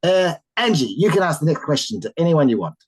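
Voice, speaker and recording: A teacher running an online English class for children over a video call, animated and encouraging, often exclaiming in surprise. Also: medium pitch, quick pace, breathy edge, low-quality recording.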